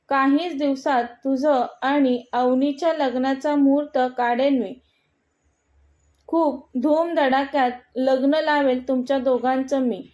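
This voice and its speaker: A woman's voice: sits high, a little mellow, lo-fi sound. A woman voicing a stern, domineering middle-aged mother who speaks bluntly and without apology. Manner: blunt and unapologetic.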